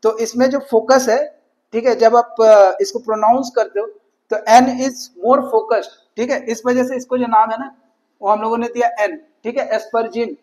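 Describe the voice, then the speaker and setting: Guy with a really high voice teaching an exam prep class, mixes hindi and english, keeps saying theek hai. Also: steady tone, measured pace, a little mellow, poor audio. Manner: mixes Hindi and English, repeats "ठीक है" often; asks questions and answers them himself.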